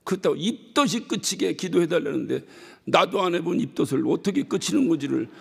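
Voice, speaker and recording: A male pastor preaching a sermon, telling stories about his congregation with lively acted-out quotes and bursts of shouting. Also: a little high, brisk, creaky, breathy edge. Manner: animated storytelling, mimics congregants and shouts. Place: church hall. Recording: reverberant church hall.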